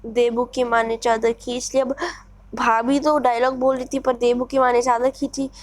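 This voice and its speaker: A young woman teaching a textbook chapter, reading passages slowly and then explaining them in everyday words. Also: fairly high pitch, little pitch movement. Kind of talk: casual lesson, reading text then explaining it.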